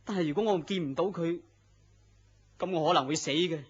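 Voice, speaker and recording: In a radio drama, a man with a Hong Kong Cantonese accent plays a weary, despondent, lovesick young man, sounding earnest and plaintive. His voice is fairly high, fairly quick and breathy-edged, and the audio is dull and lo-fi.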